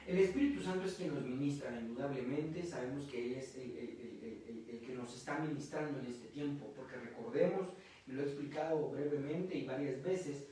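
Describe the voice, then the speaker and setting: A man's voice: medium pitch, brisk, warm tone. A man preaching a sermon in a church, talking in a conversational way and often asking "¿verdad?" between phrases. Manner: conversational preaching with frequent "¿verdad?" and repeated filler words. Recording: very echoey room from a distance.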